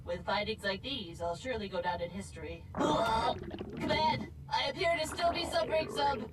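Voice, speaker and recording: A woman voicing a small, dreamy, space-obsessed boy in a cartoon, distant under loud music. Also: a little high, moderate pace, heavy background noise, close to an everyday voice. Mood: solemn, dazed.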